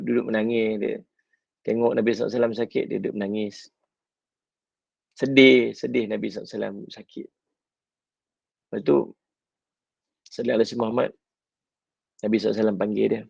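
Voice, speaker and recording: A man preaching with a Malaysian Malay accent. His voice is heavily gravelly and husky. The recording is dull and dry, like a lo-fi room capture. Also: medium pitch, no room sound. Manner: animated storytelling with soft drawn-out pauses. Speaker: religious teacher. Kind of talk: Malay-language sermon storytelling.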